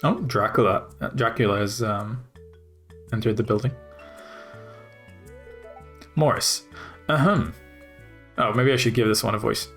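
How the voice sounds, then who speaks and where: A man's voice: fairly low pitch, a little slow, pauses often, fairly bright tone, soft background music. A man casually commenting while playing a video game, rambling and thinking aloud with many fillers. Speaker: gaming video host.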